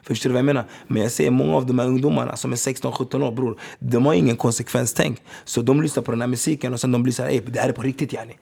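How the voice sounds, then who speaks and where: A man in his thirties, a former pro footballer from Gothenburg, telling animated, slang-heavy stories in a casual podcast chat. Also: medium pitch, gravelly, hardly any pauses. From Gothenburg, Sweden. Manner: animated storytelling, slang-heavy, keeps asking if you follow.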